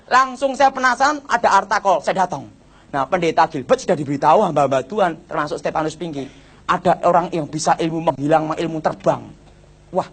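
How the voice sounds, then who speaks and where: A man with a Javanese accent giving an animated church testimony, repeatedly addressing his listeners and acting out the people in his story. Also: fairly high pitch, slightly rough. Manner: keeps addressing the audience as brothers and sisters; acts out dialogue with lively voice swings.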